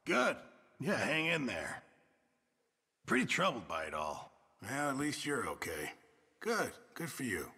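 An actor playing a good-natured middle-aged camp cook in a video game, calling to a horse and making small talk. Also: male voice, mid-range voice, wildly swooping pitch, a little slow, pauses often, husky, big-room sound, heavily acted. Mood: sympathetic. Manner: shouted horse-driving calls, then mild small talk. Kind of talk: game voice lines.

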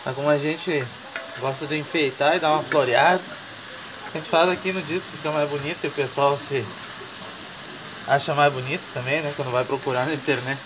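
In a home kitchen, a man with a southern Brazilian accent jokes his way through a homemade recipe, explaining it in everyday colloquial speech. His voice sits on the high side, and the sizzle of frying and stirring comes through clearly in the noisy background.

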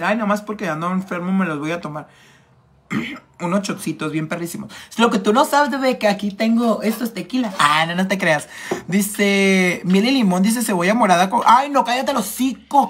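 A flamboyant man with a Mexican accent hosts a casual makeup livestream and reads out his viewers' comments in a camp, chatty tone. He is fighting off a cold and keeps clearing his throat between playful, cheeky remarks. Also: high voice, fairly bright tone. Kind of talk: casual live chat, reading comments aloud.

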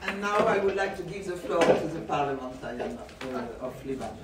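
A moderator chairs a panel and hurries the speakers along, often stumbling over words. The voice comes from far across an echoey room, with loud noise underneath. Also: mid-range voice, expressive, brisk, over a noisy crowd. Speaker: session moderator.

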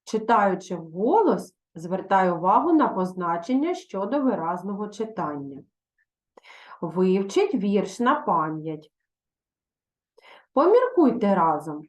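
A woman's voice: medium pitch, sing-song, takes it slowly. A woman teaching a recorded video lesson for young pupils, patient and instructive, reading verse expressively. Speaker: primary school teacher. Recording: echoey room.

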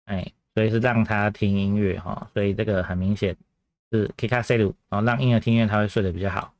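A man walks through exam questions in a casual, chatty way, repeating each point and dotting it with filler sounds. His voice sits low, and the recording is dry and close. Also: steady tone, fast, no echo. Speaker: Japanese teacher. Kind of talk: grammar lesson explanation.

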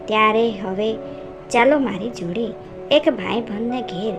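A woman's voice: a little high, measured pace. A woman reading the lines of a friendly, lame former railway worker in a storybook narration, plain and helpful. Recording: narration over music.

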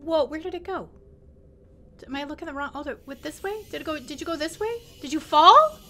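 A woman playing a video game and commenting excitedly, talking to the creatures she meets. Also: high voice, fast. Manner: excitable, exclaiming, talks to creatures. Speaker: gameplay streamer. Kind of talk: let's play commentary.

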